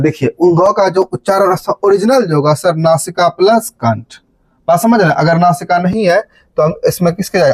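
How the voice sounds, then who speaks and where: The recording is dry, and the man's voice sits on the high side. He's a grammar teacher from Bihar, India, who livens the lesson with sing-song memory formulas, repeated key terms, and quizzes like "बात समझ रहे हैं?".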